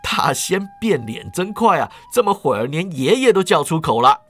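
A man telling a wuxia story, voicing a calm, confident young martial hero who speaks steadily and with command. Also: fairly high pitch, moderate pace, soft background music. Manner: steady, commanding, slightly amused.

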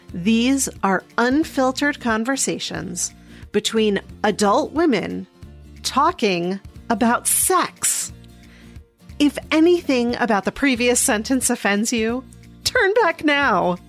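A woman hosting a podcast, giving scripted introductions and asking interview questions. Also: a little high. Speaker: podcast host, intimacy coach.

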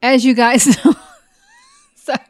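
A podcast co-host and tabletop player from the Chicago area trades casual blooper-reel banter, her Midwest accent tinged with a bit of Texas drawl. She talks fast, slurs words, and laughs often. Her voice is high with a steady, darkish tone.

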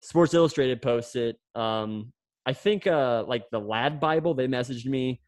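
A man's voice: mid-range voice, unhurried, darkish tone, dry recording. A young man, a former pro runner, chatting on a podcast and telling a long story with many restarts and fillers. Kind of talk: casual podcast chat.

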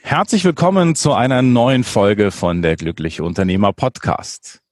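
A man hosting a conversational interview, repeating words haltingly as he forms his questions. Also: fairly low pitch, no room sound, studio quality. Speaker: podcast host, interviewer.

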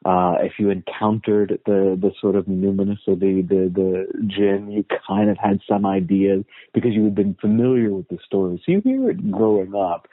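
A man's voice: sits low, moderate pace, no room sound. A man from the United States, a guest historian, talking in a casual interview with a thoughtful, storytelling manner and many restarts. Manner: thoughtful storyteller, frequent "uh" and repeated words. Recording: tinny phone-like line, dry.

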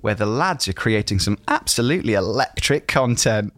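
A man's voice: fairly low pitch, lively intonation, moderate pace, fairly bright tone. A man hosting a casual podcast chat, teasing his guest and laughing often. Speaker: host.

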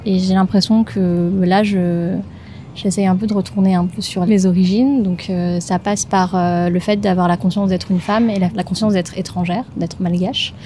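Hesitant young woman, mellow voice. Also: on the low side, steady tone, moderate pace, a little hiss or hum. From Madagascar. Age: 20s. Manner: hesitant, many fillers and restarts. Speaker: podcast guest. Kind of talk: casual interview talk.

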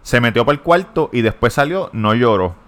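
A man's voice: mid-range voice, lively intonation, a little fast, a bit bright. A man, co-hosting a podcast in casual chat, blunt, crude and joking. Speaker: podcast co-host.

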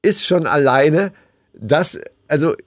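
A man's voice: fairly high pitch, lively intonation, slow, no room sound, studio quality. A man co-hosting a podcast in casual, colloquial, joking banter. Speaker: podcast co-host.

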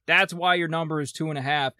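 A man's voice: fairly high pitch, fairly even intonation, quick pace, pushed and bright. Wry man co-hosting a betting podcast. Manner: blunt, wry and teasing. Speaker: podcast co-host. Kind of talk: casual sports betting podcast.

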